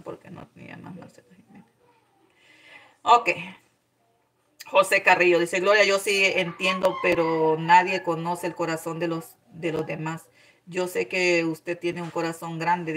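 A woman chats warmly through a live stream, greeting viewers one by one with affectionate pet names. Her voice sits a little low for a woman. A faint hiss of background noise runs under the recording. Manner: affectionate, calls viewers endearments, reads comments aloud. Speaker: cooking channel host reading live chat. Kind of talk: casual live-stream chat.

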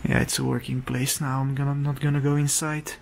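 Touring an abandoned villa outdoors, a vlogger narrates enthusiastically and casually through a handheld camera mic, his chatter thick with fillers. The mid-range voice is gravelly, fairly quick, and fairly level in pitch, with a little hiss or hum.

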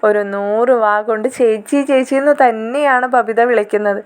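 A woman's voice: fairly high pitch, normal speed, smooth. A young woman chattily retelling the plot of a drama in casual, conversational narration. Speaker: storyteller.

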